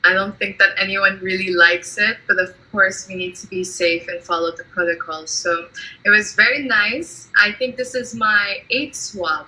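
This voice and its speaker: A woman's voice: medium pitch, normal speed, bright, forceful tone, rough recording. A woman, a pageant candidate who answers an interview in a chatty, enthusiastic way.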